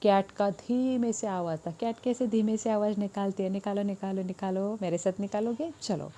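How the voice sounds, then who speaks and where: A woman's voice: medium pitch, moderate pace, warm tone. A woman teacher, reading a story to children and explaining each line. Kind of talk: bilingual story lesson for children.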